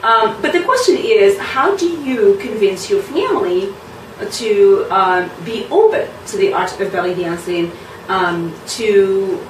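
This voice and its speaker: A woman talks frankly to the camera in a loose, chatty way, often pausing on an um or a you know. Her voice sits at a middle pitch and carries some room echo. She sounds a little back from the mic, with a faint hum behind her. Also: far from the mic. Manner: frank, lively, many ums and you knows. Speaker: belly dance teacher. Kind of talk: casual chat to camera.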